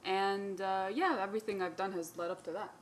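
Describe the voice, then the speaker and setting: A woman's voice: medium pitch, fairly even intonation, fairly quick, a little hiss or hum. A young woman, a student from the UAE, chatting casually as a podcast guest and laughing often. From Palestinian, grew up in the UAE. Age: young adult. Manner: giggly, laughs often while talking. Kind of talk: casual chat.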